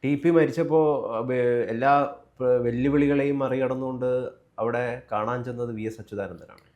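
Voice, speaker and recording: Measured male interviewer. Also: mid-range voice, steady tone, highs cut off. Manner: measured, reads out lists of names. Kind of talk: political interview.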